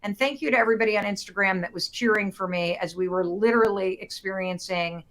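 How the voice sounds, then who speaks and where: A woman with a mid-range voice hosts a live motivational talk online. She sounds overwhelmed, close to a nervous breakdown, speaking in a halting, emotional way as she addresses her viewers. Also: mid-range voice, a bit bright. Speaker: host of a live broadcast.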